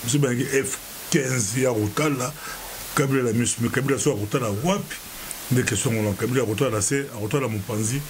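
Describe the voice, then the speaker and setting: A man, a pastor hosting a talk show, who cuts in quickly and sums up the discussion. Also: medium pitch. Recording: faint hiss on the line.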